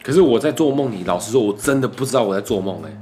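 A man's voice: mid-range voice, lively intonation, fast talker, a little mellow, soft background music. A young man with a Taiwanese Mandarin accent chatting casually as a podcast guest, playful and talkative, often repeating himself. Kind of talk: casual chat.

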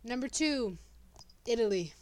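A woman's voice: on the high side, animated, unhurried, a little mellow. A young woman co-hosting a podcast in casual chat, reading out a ranked list and trading playful, teasing banter. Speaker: podcast co-host.

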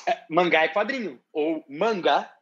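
A man's voice: a little high, unhurried, crowd noise. Rambling São man on dull call audio. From Brazil. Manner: rambling, with many restarts and slang fillers. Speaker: interview guest. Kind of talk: casual live-stream chat.

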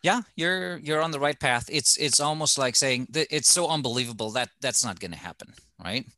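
A man's voice: mid-range voice, animated, normal speed, bright, forceful tone, no room sound. A middle-aged man from Germany with a German accent, a TV host telling stories in a casual studio chat, with many fillers. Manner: storytelling, thoughtful with many fillers.

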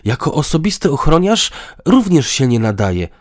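A man reading the lines of a calm, wry male character in an audiobook. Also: fairly high pitch, moderate pace. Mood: bitter. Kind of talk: audiobook dialogue.

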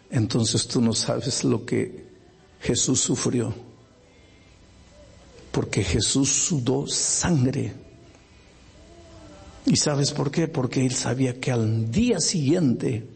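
A man preaching a sermon, with dramatic, emphatic storytelling and a husky voice. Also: medium pitch, darkish tone.

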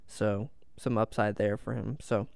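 A man's voice: on the low side, level tone, a little slow, creaky, clean tone, dry recording, studio quality. A man co-hosting a podcast, talking casually about football picks in an upbeat, agreeable way. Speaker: podcast co-host. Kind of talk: casual sports chat.

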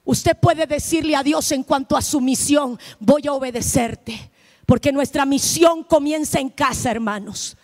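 A woman preaching a missionary sermon, impassioned, swinging between shouted lines and hushed ones. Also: high-pitched, measured pace.

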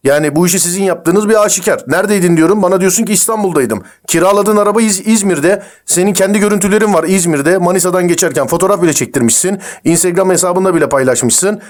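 A man posing as a crime investigator on a prank call, firing accusations at a fast clip. His voice sits a little high for a man, and he pushes hard with every question. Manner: pushy, interrogating, rapid-fire.

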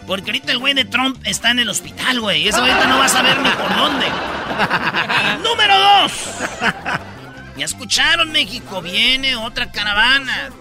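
A man's voice: extremely high pitch, sing-song, normal speed, over loud music, a loud crowd. A man hosting a comedy radio show, telling stories rowdily with slang and sound effects. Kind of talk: joking radio banter.

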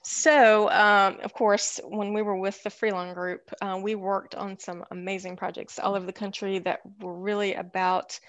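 A woman's voice: medium pitch, flat delivery, moderate pace, few pauses, a bit bright, no room sound. A woman speaking as a podcast guest about her career in architecture, thoughtful and full of fillers. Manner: thoughtful, many fillers and restarts. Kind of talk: casual interview conversation.

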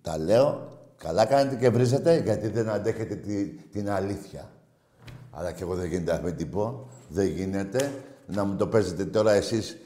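Male call-in host, heated sports rant, loud-to-muttering swings, echoey room sound. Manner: impassioned, swings from shouting to low muttering.

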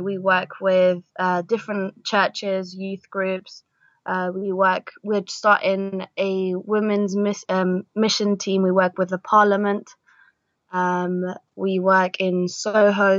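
A woman's voice: medium pitch, fairly bright tone, no room sound. Young female missionary guest from Argentina, hesitant and full of fillers, dry muffled recording. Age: young adult. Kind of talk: casual interview.

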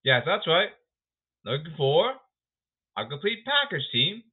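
Animated man hosting a tinny podcast. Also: on the high side, a little slow. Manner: repetitive, announcer-like calling out. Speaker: podcast host. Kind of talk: solo sports podcast rundown. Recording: tinny phone-like sound.

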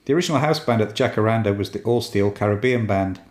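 A man hosting a podcast, reading a scripted history narration in a measured, even way. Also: lowish voice, reverberant. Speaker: podcast host.

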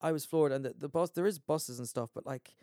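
A man's voice: fairly high pitch, brisk, warm tone, dry recording, clean studio sound. A man with an Irish accent in casual chat as a podcast host, rambling emphatically with swearing and frequent "man". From Ireland.

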